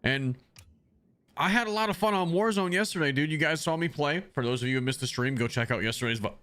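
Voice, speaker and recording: Bright-voiced man rambling on a livestream. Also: fairly high pitch, a little fast, clean tone. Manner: rambling, loose, with many ums. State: has the hiccups. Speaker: streamer. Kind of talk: casual livestream chat.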